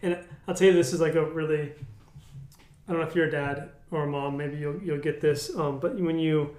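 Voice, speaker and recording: Guy co-hosting a faith chat, kinda high voice, owns his mistakes, roomy echo. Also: steady tone, fairly quick, a little mellow. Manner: candid, self-deprecating, many restarts. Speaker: podcast co-host. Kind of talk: casual faith discussion.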